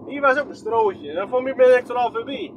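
High-voiced Groningen man chatting while driving. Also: expressive, fairly quick, a little hiss or hum. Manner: rambling, chatty, asks himself questions and trails off. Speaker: vlogger. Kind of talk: casual running commentary while driving. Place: inside a moving vehicle.

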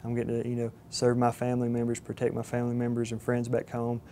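A young man in his 20s, a southern cadet candidate from Georgia, gives an interview testimonial in a studio with a plain backdrop. He speaks in an earnest monotone, halting often with fillers. A lapel mic picks him up, with a faint rumble underneath.

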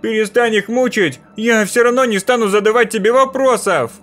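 A man voicing a frightened, stubborn young boy who shouts in a strained voice. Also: high-pitched, normal speed, soft background music, pitched above the performer's own voice, lightly acted. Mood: desperate.

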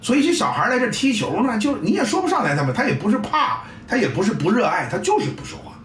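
A man's voice: high voice, very animated, fast talker, fairly bright tone, a little hiss or hum. A middle-aged man, a football coach giving a blunt, salty casual monologue and acting out sounds and scenes. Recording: roomy, distant mic, faint ambience.

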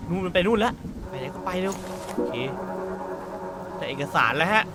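A young man giving excitable let's-play commentary, yelping in panic, with game music behind. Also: high-pitched, normal speed. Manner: excitable, yelps and shouts in panic. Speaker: gaming YouTuber.

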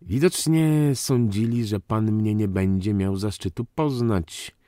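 A man reading an audiobook voices a proud, unstable aristocratic count who bursts out in indignant, theatrical shouts. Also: on the low side, slow pace, no echo, studio quality, voice pushed up. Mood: bitter. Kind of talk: audiobook character voice.

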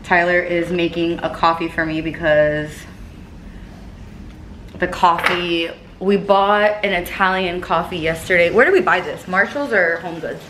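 A woman's voice: lowish voice, measured pace. A young adult woman with a lisp and whistling s sounds, chatting casually as a vlogger at home into a camera mic. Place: rooms inside a house. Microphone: camera mic at about arm's length. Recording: echoey room with clear background noise.

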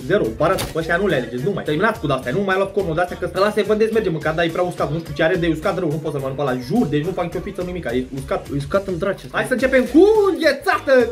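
A young man vlogs a food taste test from home, his voice pitched high as he jokes, exaggerates and talks straight to viewers. Soft music plays faintly underneath. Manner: joking, exaggerated, slangy, addresses viewers directly. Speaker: vlogger. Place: at home indoors.

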